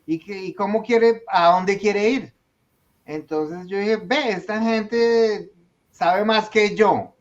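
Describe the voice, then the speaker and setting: A small business owner with a high voice speaks slowly, telling his story in a casual podcast conversation. He is an animated storyteller who acts out the voices of the people in it, and the sound is dull and lo-fi.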